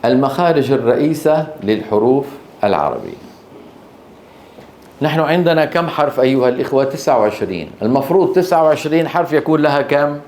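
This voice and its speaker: A man teaching a class on Quran recitation. He explains slowly, repeats key terms and keeps checking that students are following with short questions. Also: medium pitch, animated, darkish tone, slight background noise. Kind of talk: classroom lecture.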